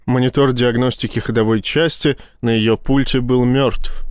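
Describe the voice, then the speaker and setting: A man reading a tense science fiction audiobook in a steady storytelling voice. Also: mid-range voice, dry recording, studio quality. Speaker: audiobook narrator. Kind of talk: scripted narration.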